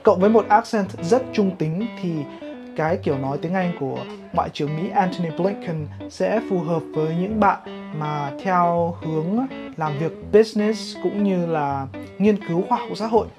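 A woman from Vietnam teaching English pronunciation in a vlog, explaining in a measured way. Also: lowish voice, lo-fi sound. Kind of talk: vlog lesson commentary. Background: guitar music.

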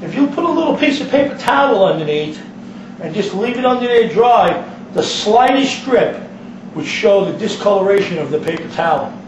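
A distant microphone in an echoing home kitchen picks up a man teaching plumbing, and the audio is dull, lo-fi and noisy. His voice sits high and sounds expressive at a normal speed as he plainly explains each hands-on step.

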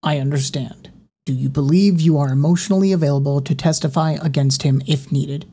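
A woman reading an audiobook, voicing a measured police investigator who speaks calmly and directly. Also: deep voice, slightly rough. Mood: businesslike.

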